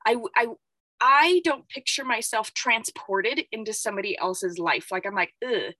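A woman talking live on a stream, rambling and reflective, thinking out loud with lots of filler words. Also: fairly high pitch, expressive, normal speed, no room sound, low-quality recording. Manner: reflective, self-examining. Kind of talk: unscripted live-stream talk.

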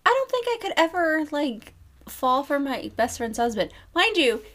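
A woman's voice: high-pitched, moderate pace. Woman gushing through a movie recap, voice jumping all over, does the characters' lines, laughs a lot. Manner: animated storytelling, acts out characters' lines, frequent laughter. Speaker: podcast co-host. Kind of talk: casual movie recap chat.

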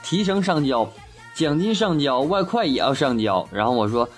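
A man's voice: on the high side, very animated, moderate pace. A man casually telling a string of jokes, acting out the quoted lines and laughing at his own punchlines. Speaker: joke teller. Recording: faint music behind.

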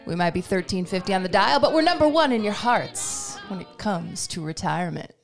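A woman host putting on an upbeat 1950s AM radio disc jockey, with slow, drawn-out crooning patter. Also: medium pitch, lively intonation, gravelly, faint music behind. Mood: hammy. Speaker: podcast host.

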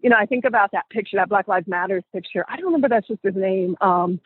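A woman co-hosting a group call, telling stories in an animated way with laughter. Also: mid-range voice, fast talker, breathy edge, dry recording. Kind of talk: casual inspirational talk. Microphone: phone. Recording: phone line audio.

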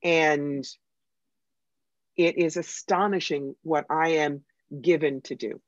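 An American psychic medium talks in an animated, emphatic way with a dry wit. The voice sits in the middle register. The sound is dry and slightly dull, like a modest lo-fi recording. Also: mid-range voice, slow, no room sound. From United States. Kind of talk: conversational interview storytelling.

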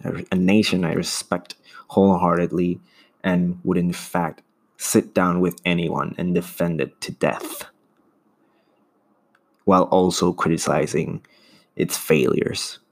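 Man, solo podcast host, very low gravelly voice, earnest and halting. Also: little pitch movement. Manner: earnest, searching for words with restarts. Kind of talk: casual opinion monologue.

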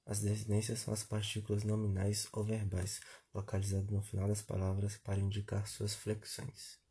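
A man's voice: on the low side, completely flat delivery, moderate pace, dark tone, breathy edge. A man reviewing a grammar lesson, methodically reading definitions and word lists aloud. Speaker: teacher.

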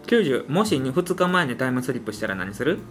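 A man's voice: mid-range voice, big pitch swings. A man with a Kansai accent reading out questions and teasing his friend in casual chat, with music behind. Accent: Kansai Japanese. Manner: teasing, quick to chuckle, frequent backchannels. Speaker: podcast co-host reading out questions. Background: background music.

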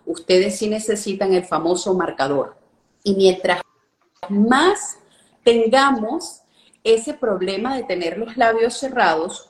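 A woman's voice: mid-range voice, reverberant. A woman explaining speaking techniques as a guest coach, checking in with listeners often. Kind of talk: instructional live-stream talk.

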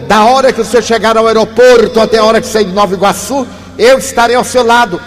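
A man's voice: high-pitched, fairly even intonation, fast, voice pushed up, lightly acted. An older man voicing a reformed ex-robber, speaking earnestly and insistently during a spiritist talk in a reverberant hall. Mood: protective. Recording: reverberant hall, faint noise.

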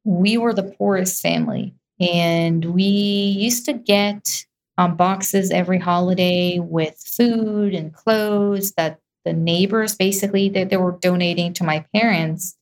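A woman's voice: lowish voice, fairly even intonation, unhurried. Young woman guest. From Israel. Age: young adult. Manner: many fillers and restarts, varied pace. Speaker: real estate investor and guest. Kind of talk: casual interview conversation. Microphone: video call.

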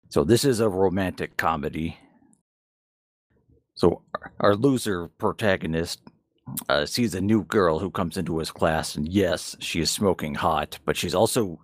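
The voice sits low in this clean studio recording with no room sound. A man co-hosting a podcast chats casually about games and manga, speaking frankly and swearing some.

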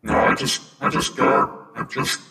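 A man playing a tabletop game, talking in a terse, deadpan way. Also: a little slow, heavy background noise. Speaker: player. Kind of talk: casual tabletop role-play. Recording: roomy echo.

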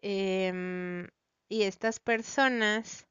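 Smooth-voiced Mexican woman retelling a story. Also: medium pitch, fairly even intonation, drawn-out words, fairly bright tone, dry recording, dull audio. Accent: Mexican Spanish. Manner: slangy, rambling, many fillers and restarts. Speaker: vlogger recounting a story. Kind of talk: casual plot retelling to viewers.

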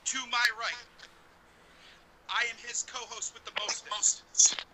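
A man hosting a podcast, announcing like a ringmaster with drawn-out, grandiose hype. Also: very high-pitched, flat delivery, heavy background noise. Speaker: podcast host. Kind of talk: hyped show introduction.

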